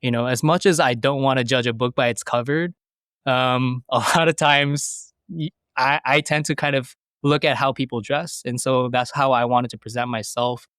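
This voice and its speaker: In a relaxed podcast interview, a US man in his mid-thirties works through his answers thoughtfully but hesitantly, using plenty of fillers and restarts. His smooth, resonant voice sits at an ordinary middle pitch and moves at a moderate pace, recorded dry and close with no echo.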